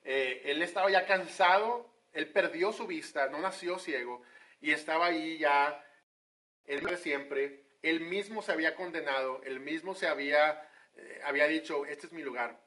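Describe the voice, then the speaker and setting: A male preacher gives a chatty, conversational sermon. His voice sits a little high and sounds bright and forceful, and he often hesitates mid-thought before pressing on. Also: normal speed. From Monterrey, Mexico.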